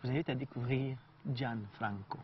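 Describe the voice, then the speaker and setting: A man's voice: mid-range voice, fairly even intonation, moderate pace, slight background noise. A man with a Quebec French accent hosting a travel documentary, chatty and enthusiastic as he narrates and interviews. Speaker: TV travel host. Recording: dull lo-fi TV recording.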